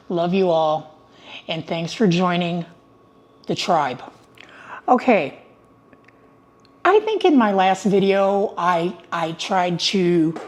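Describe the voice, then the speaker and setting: Speaking from home, this retiree vlogger gives a casual monologue to her audience, cheerful and easily sidetracked. She has a fairly low-pitched voice with a darkish tone.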